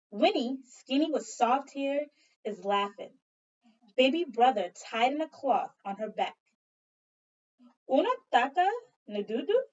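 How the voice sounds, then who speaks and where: Animated woman teacher reading aloud. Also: high voice. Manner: expressive, animated storybook reading with questions to pupils. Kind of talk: read-aloud for young children. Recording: dull, distant lo-fi recording.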